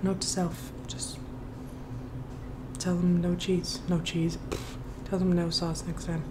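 Casual woman vlogger talking while chewing, unhurried and meandering, with faint background noise. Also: lowish voice, level tone. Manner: rambling, unhurried, trails off with fillers. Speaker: mukbang vlogger. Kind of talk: casual chat while eating.

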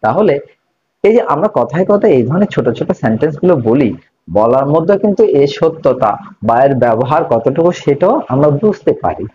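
A man's voice: on the high side, big pitch swings, brisk, warm tone, dull audio, slight background noise. A man teaching an English grammar lesson, explaining step by step and asking questions of his learners.

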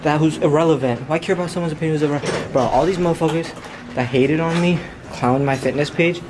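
A young man talking casually and bluntly to a handheld camera in a gym, swearing and boasting, with loud music playing behind him. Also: a little high, fast, noisy background. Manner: brash, swearing, joking bravado. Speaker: fitness vlogger. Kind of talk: casual gym vlog chat. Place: commercial gym, indoors. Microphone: handheld camera mic.

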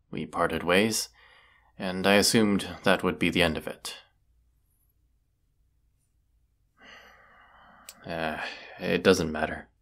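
Here the proud, brooding, sardonic wizard of the woods, played by a man in a scripted audio roleplay, comes across as regretful and guarded while still speaking haughtily and deliberately. The voice is low-pitched, a bit bright and heavily acted.

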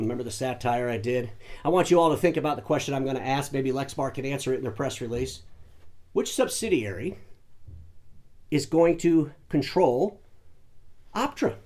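A man hosting his own show, giving animated, sarcastic commentary and mocking imagined phone calls. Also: on the high side. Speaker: show host. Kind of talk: casual commentary to camera.

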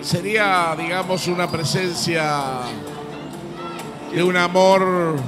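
High-voiced Argentine man calling wrestling. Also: little pitch movement, takes it slowly, over music. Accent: Argentine Spanish. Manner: emphatic, repeats words for effect. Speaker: wrestling commentator. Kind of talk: excited play-by-play commentary.

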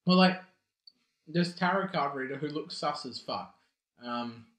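A man's voice: a little high, expressive, unhurried, fairly bright tone, reverberant, low-quality recording. Casual swearing young man riffing a movie. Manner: swears freely, fillers like "like" and "um". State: eating snacks while talking. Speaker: co-host riffing on a bad movie.

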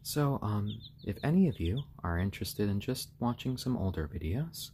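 This is casual live-stream talk from a room in someone's home, where an animated man with a somewhat low, mildly hoarse voice alternates between stumbling explanations and tender pet talk. His pitch varies greatly, and noticeable background noise, including birdsong, is present.

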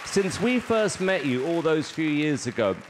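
A man judging a talent show, giving measured, earnest praise from a judges' desk in a large studio arena. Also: a little high, big pitch swings, crowd noise, background noise. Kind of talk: giving spoken feedback. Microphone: desk mic. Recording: loud cheering studio audience behind.

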